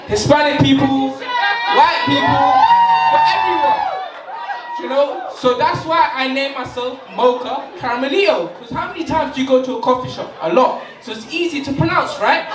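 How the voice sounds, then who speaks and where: A slightly tipsy young stand-up comedian, very high-pitched and at a moderate pace, jokes, laughs and shouts to a crowd on stage in a big hall. The mic is distant and the room echoes, with loud audience laughter, cheers and background noise.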